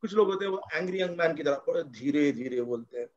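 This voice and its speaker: A man's voice: a little high, animated, fast talker, darkish tone, muffled recording. A man, a guest children's author, teaching a playful, enthusiastic storytelling lesson over a video call, mixing Hindi and English.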